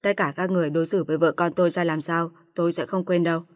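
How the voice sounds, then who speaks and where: A woman's voice: on the low side, fairly even intonation, fast, long reverb tail, close to an everyday voice. A woman voicing a young husband, grave and bitter toward his family.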